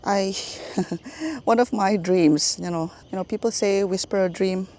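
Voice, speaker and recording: With slight background noise behind her, a middle-aged woman speaks in a medium-pitched, darkish voice at a measured pace. She hosts a YouTube channel and, in a Singaporean English accent, chats casually to viewers in voiceover, laughing often mid-sentence.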